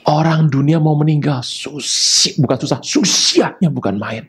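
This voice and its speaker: Preaching from the pulpit, this man speaks animatedly, punctuating his words with abrupt emphatic rises and brief side remarks.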